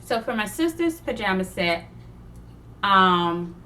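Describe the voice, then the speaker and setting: A young woman chatting casually about her sewing projects, digressive and quick to laugh. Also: medium pitch, very animated, sharp tone, a little hiss or hum. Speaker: sewing vlogger. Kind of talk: casual chat.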